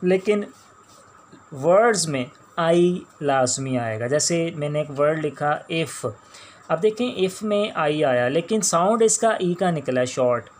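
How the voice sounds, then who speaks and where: A man with a Pakistani accent teaching a shorthand class, explaining each sound slowly and repeating words as he writes them out. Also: on the high side, lively intonation, slight background noise. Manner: slow, patient, repeats each sound and word. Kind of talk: classroom lecture while writing on a board.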